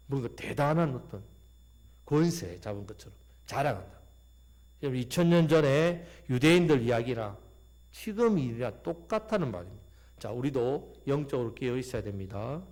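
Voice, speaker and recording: A man preaching a Sunday sermon as pastor, animated and fond of acting out quoted voices. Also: mid-range voice, a little fast.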